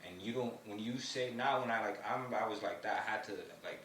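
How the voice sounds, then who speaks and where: A fairly low but fairly bright male voice comes through at a fairly quick pace, far from the mic in a roomy space with faint background noise. The speaker, born in Somalia and formerly of Ottawa, Canada, is a podcast guest giving slangy, emphatic, motivational advice, frequently saying "you know what I mean."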